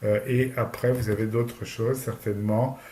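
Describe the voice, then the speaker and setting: A man giving a relaxed lecture about a language course, talking loosely with frequent hesitations. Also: lowish voice, normal speed. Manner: hesitant, many fillers and restarts while explaining course material. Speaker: university lecturer. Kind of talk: casual lecture commentary.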